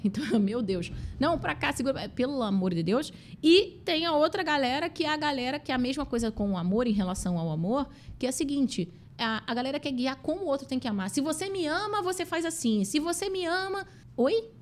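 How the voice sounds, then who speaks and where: A woman with a Brazilian Portuguese accent, speaking as a guest expert in an emphatic, animated conversational way. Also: high voice, a little hiss or hum. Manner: emphatic, quick, acts out quoted voices.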